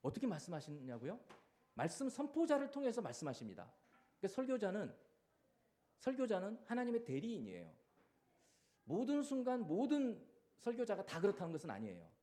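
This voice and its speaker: A man preaching a sermon as pastor, animated and acting out the cries and commands he quotes. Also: high voice, a little fast, pauses often.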